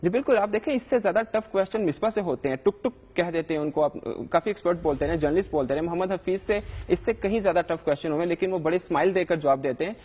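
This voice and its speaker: A man's voice: high voice, hardly any pauses, a little mellow, husky, big-room sound. A young adult man, a sports reporter, answering questions in a live news interview in an earnest, defensive way with frequent hesitations.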